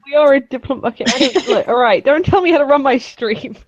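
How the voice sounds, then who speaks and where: A woman's voice: high-pitched, quick pace, dry recording, dull audio. A woman streamer hosting casual group banter while playing a game. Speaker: streamer and host.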